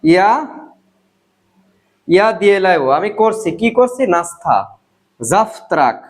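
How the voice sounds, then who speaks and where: A man gives a patient language lesson. He repeats each key phrase slowly, asks questions and answers them himself. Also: high-pitched, sing-song. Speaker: online Russian language tutor.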